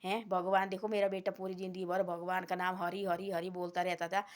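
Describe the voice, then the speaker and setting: A woman's voice: on the low side, flat delivery, a little fast, natural voice. A woman voicing a worried, scolding village mother in a devotional story. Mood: tearful. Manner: scolding then pleading.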